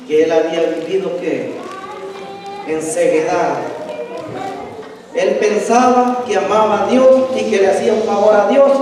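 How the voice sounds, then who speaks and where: High voiced preacher guy, asks the church to fill in words, recorded far off in a big echoey hall. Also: background noise. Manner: call-and-response questions to the congregation; acts out dialogue from scripture. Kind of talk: sermon. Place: church sanctuary. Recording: echoey hall, distant mic.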